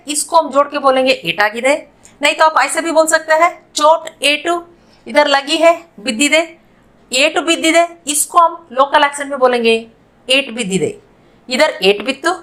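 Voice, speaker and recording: A woman with a high voice leads a spoken language lesson. She says each phrase slowly, then repeats it carefully so learners can follow. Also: fairly bright tone. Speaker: language teacher.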